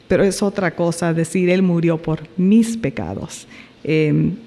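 A man with a high voice leads an informal Bible class, reading passages and asking the group questions as he goes. The room has a long, lingering reverb behind his voice. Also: gravelly, darkish tone. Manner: asks the group questions, pauses and self-corrects. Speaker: Bible study teacher.

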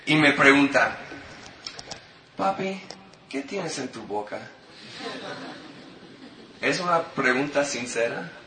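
A man in his thirties preaching a sermon, explaining scripture and asking the congregation questions. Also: mid-range voice. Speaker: pastor. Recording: echoey hall from far off with noise.

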